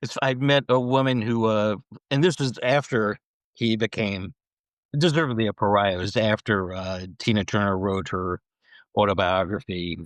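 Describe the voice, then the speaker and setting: A man's voice: on the low side, fairly even intonation, normal speed, no echo. An older man, a cartoonist guest, casually telling funny stories and often breaking into chuckles. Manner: chuckling anecdote teller, trailing off into laughs. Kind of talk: casual storytelling.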